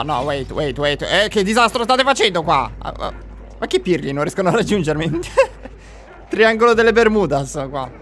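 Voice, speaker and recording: Excitable high-voiced gamer. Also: male voice, slight background noise. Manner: excitable, jokey, swings to panicked yelling; addresses viewers directly. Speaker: gamer playing a horror game. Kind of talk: let's play commentary.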